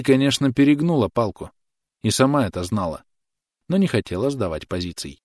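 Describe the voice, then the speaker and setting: A man narrating an audiobook in a measured, expressive way. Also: lowish voice, no room sound, studio quality.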